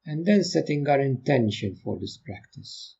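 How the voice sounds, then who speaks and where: A man leading a guided meditation, giving gentle, calm instructions with long unhurried pauses. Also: medium pitch, creaky, husky, muffled recording. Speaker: meditation teacher.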